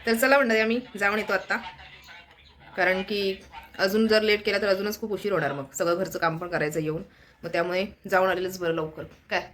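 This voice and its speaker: A woman's voice: medium pitch, fairly even intonation, brisk, fairly bright tone. Woman, family vlogger, casual phone-recorded chat at home, faint background noise. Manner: chatty, addresses viewers as friends.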